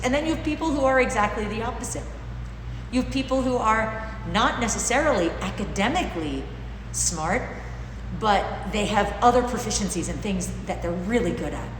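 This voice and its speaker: Middle-aged woman giving an informal class, bit muffled by a mask, big echoey room w noise behind her. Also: mid-range voice. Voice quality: slightly muffled through a face mask. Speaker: dog trainer and class host. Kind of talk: informal teaching to camera. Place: large bare indoor training room with concrete-like floor. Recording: echoey hard-walled room, clear background noise.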